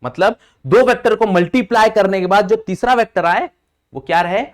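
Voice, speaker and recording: A young man teaching a physics lesson in Hindi with English terms, repeating each point and quizzing his students. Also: high-pitched. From India. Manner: slows sharply on English formula lines. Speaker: physics tutor. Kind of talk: classroom lecture mixing Hindi and English.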